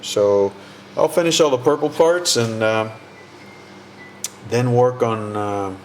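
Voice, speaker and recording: A man who builds models, narrating his build progress in a relaxed, unhurried way and pausing often with "uh". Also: medium pitch, a little hiss or hum. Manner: relaxed, unhurried, pauses with frequent "uh".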